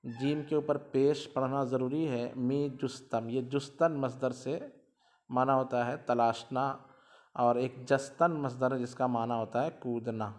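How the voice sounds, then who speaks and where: A man's voice: medium pitch, flat delivery, a little slow, darkish tone. A man with an Indian Urdu accent teaching a grammar lesson, patiently explaining and repeating each form with its translation.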